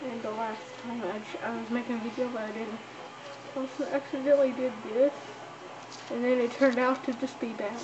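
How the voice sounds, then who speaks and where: A young woman speaking through a costume head, showing off her homemade fursuit in a halting, casual vlog full of restarts and fillers. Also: on the high side, level tone, lo-fi sound. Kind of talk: casual show-and-tell vlog. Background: televised baseball game crowd noise.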